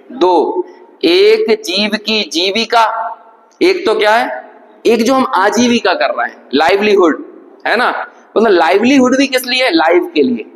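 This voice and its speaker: Male scripture lecturer, high voice, questioning teacher's manner, reverberant hall sound. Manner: teacherly, asks the listeners questions, mixes in English words. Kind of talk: spiritual discourse.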